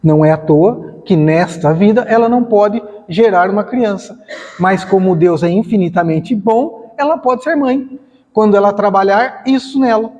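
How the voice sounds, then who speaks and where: A man's voice: high-pitched, moderate pace, warm tone, lo-fi sound. A man giving a lecture at a spiritist center, talking conversationally, acting out dialogues and asking rhetorical questions. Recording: long hall reverb.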